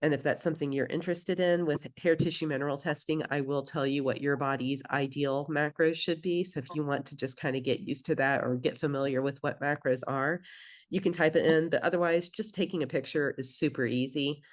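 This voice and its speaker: A woman's voice: deep voice, fairly even intonation, brisk. A woman who grew up in Belgium, coaching a group through a nutrition program in a conversational way, with many fillers and questions to the group. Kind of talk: instructional group session.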